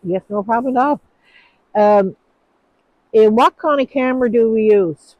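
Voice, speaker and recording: A woman's voice: fairly high pitch, measured pace, dull audio. A woman with a Newfoundland accent chatting outdoors to a phone, answering viewer questions in a rambling, hesitant way. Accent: Newfoundland English. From Newfoundland, Canada. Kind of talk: casual chat. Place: outdoors, with snow falling.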